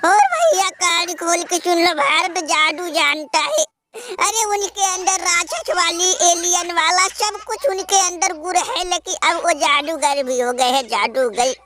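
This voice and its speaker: A man doing a squeaky wailing cricket loser. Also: a little slow, pushed and bright, exaggerated voice. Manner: wailing, lamenting, half-laughing half-crying. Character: wailing defeated male cricket rival, self-pitying. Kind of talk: comedic dubbed sketch. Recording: noisy recording with clicks.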